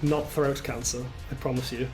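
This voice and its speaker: A young British man casting an esports match alone, chatting with his stream's chat and getting loud and fast during the fights. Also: mid-range voice, soft background music. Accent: British English. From Britain. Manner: chatty, reads chat aloud, bursts into excited shouting at plays. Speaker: esports caster. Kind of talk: solo game commentary on a stream.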